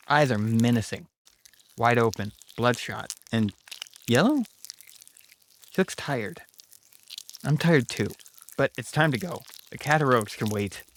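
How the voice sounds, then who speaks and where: A man's voice: medium pitch, a little hiss or hum. A man reading a scripted first-person horror story as its narrator. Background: music.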